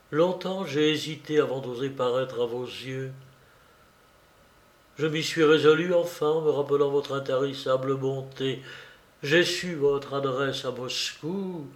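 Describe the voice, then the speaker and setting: A man voicing a desperate pleading wife. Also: fairly high pitch. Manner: pleading, theatrical, sobbing outbursts. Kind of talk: audiobook character reading. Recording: roomy echo.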